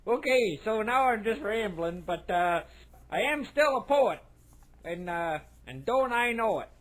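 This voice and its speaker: A man's voice: sits high, animated, measured pace, fairly bright tone. A man voicing a long-winded male cartoon coach who leaves a folksy, rambling apology on an answering machine. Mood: sheepish.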